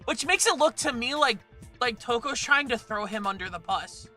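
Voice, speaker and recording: A woman's voice: a little high, expressive, moderate pace, pushed and bright, faint music behind. A woman streaming a video game with casual commentary, sometimes reading dialogue aloud.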